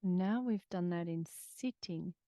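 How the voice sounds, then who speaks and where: Woman doing a calm grounding exercise, slow and lowish voice, dry close sound, gently encouraging. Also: no echo, dull audio. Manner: encouraging, gently instructing in short phrases. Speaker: movement workshop instructor. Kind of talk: calm guided grounding exercise, casual and conversational.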